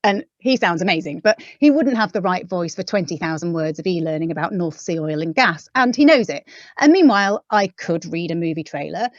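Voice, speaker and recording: A woman's voice: lowish voice, no room sound. A woman talks shop about voiceover work in an easy, chatty webinar manner. Her audio is dry and close, with the slightly dull, lo-fi sound of an online call. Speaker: voiceover artist and webinar co-host. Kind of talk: casual webinar talk. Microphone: audio-only call microphone.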